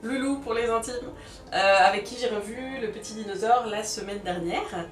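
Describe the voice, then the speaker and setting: A woman with a medium-pitched voice speaks at a moderate pace, hosting a film review vlog in a conversational, explanatory way. The review mixes scripted narration with casual chat. The recording sounds roomy, with a distant mic and faint music behind her.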